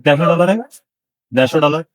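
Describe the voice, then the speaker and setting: A young delivery rider from Bangladesh answering a street interview outdoors, halting and hesitant, with broken English and many fillers. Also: male voice, on the high side. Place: outdoors in a city square.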